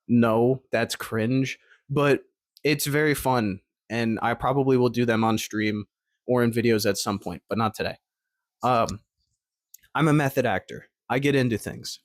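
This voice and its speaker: Young man in his twenties, casual rambling storyteller, mid-pitched, dry close recording. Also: no room sound. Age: 20s. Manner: rambling, upbeat, lots of fillers and self-corrections. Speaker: vlogger.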